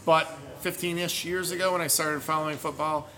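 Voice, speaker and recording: A man's voice: a little high, level tone, fairly quick, over music. A man from New York State, a guest on a casual brewery podcast, joking around and laughing often. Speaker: podcast guest, beer educator. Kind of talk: casual chat. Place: brewery taproom.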